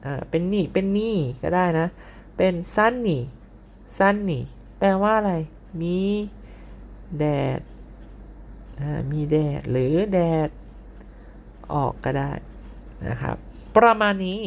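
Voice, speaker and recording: A young man leads a recorded English lesson for primary school pupils. He speaks in a patient, unhurried way, repeating each vocabulary word and its meaning so the children can follow. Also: high voice, expressive, a little hiss or hum. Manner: spells words letter by letter.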